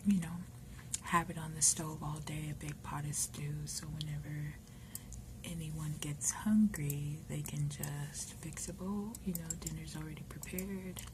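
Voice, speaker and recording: Middle-aged woman, whispered ASMR chat, low-pitched, rambling and confiding, keyboard typing and noise behind. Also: steady tone, measured pace. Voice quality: mostly unvoiced whisper, breaking into soft low voice. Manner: rambling, confiding, often saying "you know". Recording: noisy, keyboard typing and clicking. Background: typing and clicking sounds.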